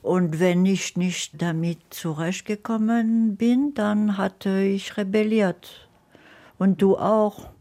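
A woman, a guest alongside her husband, explains things calmly in a radio interview. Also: mid-range voice, slow. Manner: calm, explanatory, adds to her husband's answers.

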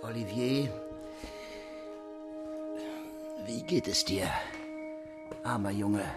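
A man's voice: fairly low pitch, unhurried, loud music behind the voice, lightly acted. A man voicing a cunning, menacing older goldsmith in a storybook reading, coaxing and threatening by turns.

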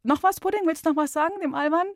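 A woman's voice: very high-pitched, fast talker, no room sound, studio quality. A woman hosting a children's radio show, chatty and playful, laughing easily with callers.

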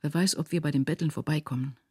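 A woman's voice: deep voice, steady tone, fast talker, darkish tone, slightly rough, no echo, studio quality. A woman reading aloud, voicing an anguished, poor widowed village mother who speaks urgently and vehemently. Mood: pleading.

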